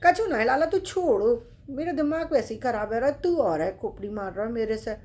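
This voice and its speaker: A woman doing an old devotee, loud and aggrieved. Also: on the high side, normal speed, gravelly. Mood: bitter. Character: Krishna Das, elderly male devotee, hurt and stubborn.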